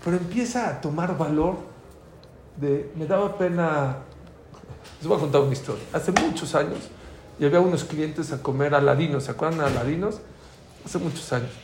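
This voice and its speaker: The recording, made in an echoey room with a little ambient noise, captures a middle-aged man with a Mexican Spanish accent teaching religion informally. His voice is a bit high and his pace moderate as he relates anecdotes and acts out what people said.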